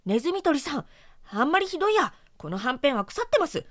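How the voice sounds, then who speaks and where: A woman's voice: animated, fast, a bit bright, dry recording, studio quality. A woman voicing a small, cheeky male mouse in a storybook reading, whiny, petulant and condescending. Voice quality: high whiny voice.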